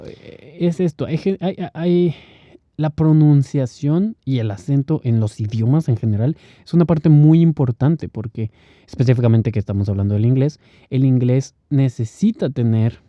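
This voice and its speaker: A man hosts a podcast alone, thinking aloud in a loose, easygoing way and laughing between points. His voice sits at an ordinary middle pitch. The recording is dry and a little muffled, with a lo-fi edge. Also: no room sound. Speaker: podcast host. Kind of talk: solo podcast monologue.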